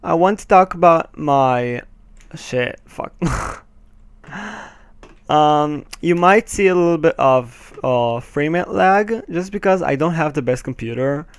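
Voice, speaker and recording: A teenage boy from Israel, Hebrew being his first language, hosts relaxed gameplay commentary on a headset in an Israeli accent, hesitant and peppered with ums and nervous laughter, swearing at game failures. His fairly high voice is animated yet slow and smooth, with no echo.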